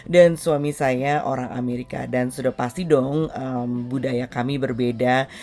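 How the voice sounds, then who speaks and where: A woman's voice: extremely low pitch, steady tone, unhurried, warm tone. A middle-aged woman from Indonesia hosting a casual family talk video, chatty and dropping in English words between frequent fillers. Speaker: parenting vlog host.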